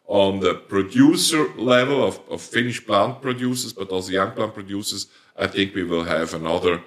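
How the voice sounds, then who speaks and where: Speaking at a moderate pace in a lowish voice, this plant producer and company owner from Switzerland fields interview questions in English, which he acquired later in life. His Swiss German accent comes through as he hesitates, restarting often and leaning on fillers.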